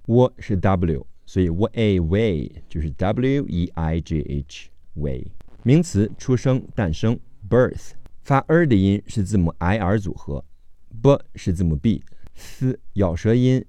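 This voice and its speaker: A man's voice: sits low, dark tone, no echo. A man teaching English vocabulary, spelling each word out letter by letter in a methodical lesson.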